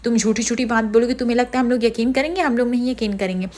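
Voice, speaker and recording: A woman's voice: fairly high pitch, very fast, a little mellow, lightly acted. A woman voicing a scheming man who blames others and fakes remorse, in her own voice. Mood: accusing. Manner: accusing, then falsely apologetic. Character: scheming young man blaming others, feigning grief.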